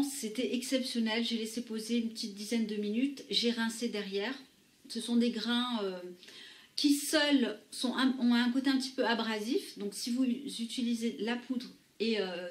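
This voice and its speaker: A woman reviewing beauty products in a casual, chatty way, pausing often with fillers. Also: fairly high pitch, roomy sound. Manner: chatty with frequent hesitations. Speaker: beauty vlogger.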